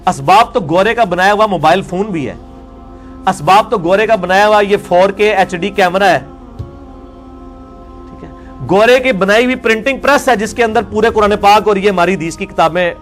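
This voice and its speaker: A man delivers a religious lecture. He works through scripture verse by verse in a combative way. Faint music plays under his voice. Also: high-pitched. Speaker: religious scholar.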